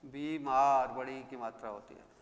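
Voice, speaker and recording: A male teacher giving a grammar lesson, who repeats each word slowly and asks his own questions and answers them. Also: fairly high pitch, fairly even intonation, fairly bright tone, long reverb tail.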